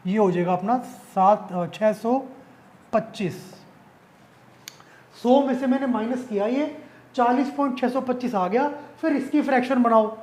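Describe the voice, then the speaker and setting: A man's voice: very high-pitched, a little mellow. A male math teacher explaining an exam-prep lesson casually, asking questions and answering them himself.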